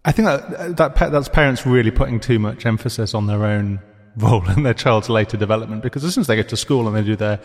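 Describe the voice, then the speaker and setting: A man's voice: on the low side, fast talker, hardly any pauses. A blunt, sweary man joins a casual chat. His voice carries a noticeable reverb tail, as if he were in a larger, echoing space.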